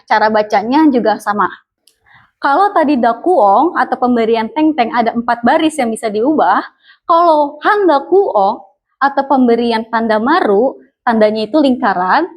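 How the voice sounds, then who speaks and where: A young woman, patiently teaching a language lesson and repeating sounds slowly for learners. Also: fairly high pitch. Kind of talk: explaining lesson to viewers.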